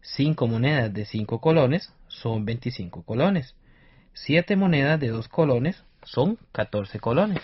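A man's voice: medium pitch, animated, measured pace, slightly rough, lo-fi sound. A man with a Costa Rican accent presenting a scripted radio lesson as a teacher.

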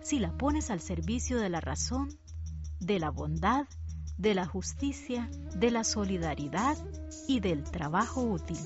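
A woman reading a fable aloud in a soft, measured way. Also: mid-range voice, big pitch swings, loud music behind the voice. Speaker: story reader. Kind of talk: scripted narration of a fable. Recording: distant, dull lo-fi recording.

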